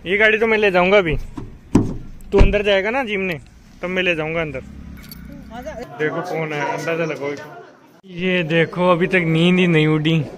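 A young man filming a casual family vlog, chatting and teasing children loudly as he goes. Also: high-pitched, steady tone, normal speed, pauses often, crowd noise, background noise. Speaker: vlogger.

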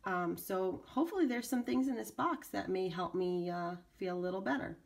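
A woman hosting a casual unboxing video, with a raspy voice congested from a cold, pausing as she reads and comments. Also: mid-range voice. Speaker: video channel host. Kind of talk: casual product unboxing narration.

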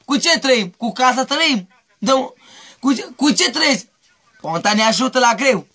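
Animated and rambling, a Mehedinți-raised Romanian man answers a street interview in a very high, sharp, piercing voice. He keeps pleading in circles and asking the same questions repeatedly.

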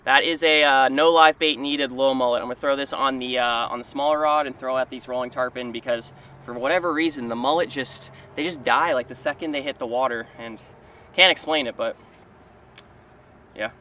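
Young male vlogger, relaxed thinking-aloud talk, outdoor action-cam sound with faint noise. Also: mid-range voice, a little fast. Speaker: fishing vlogger. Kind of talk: casual outdoor commentary. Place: small boat on open water outdoors. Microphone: action camera mounted on boat.

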